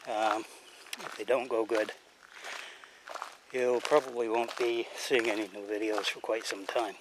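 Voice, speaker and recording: A man with an American accent, vlogging outdoors in the woods in a halting, casual way, out of breath after a long bike ride. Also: lowish voice, level tone, noisy background. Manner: halting, with many fillers. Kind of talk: casual outdoor vlog talk.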